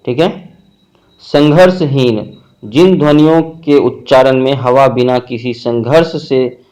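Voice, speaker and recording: This grammar teacher's voice is mellow and mid-range. Working through the lesson one step at a time, he offers examples individually and pauses often to ask "theek hai," keeping his explanation slow and methodical.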